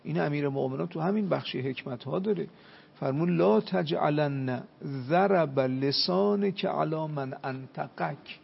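A cleric preaching with a gravelly, husky voice that sits a little high for a man. He tells stories and chants Arabic quotations slowly. The sound is dull and trails off in a long hall reverb. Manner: preaching with Arabic hadith quotes, storytelling. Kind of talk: religious talk on a TV show.

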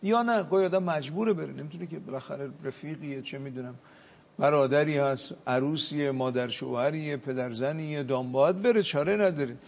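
A cleric preaching with a gravelly, husky voice that sits a little high for a man. He tells stories and chants Arabic quotations slowly. The sound is dull and trails off in a long hall reverb. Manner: preaching with Arabic hadith quotes, storytelling. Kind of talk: religious talk on a TV show.

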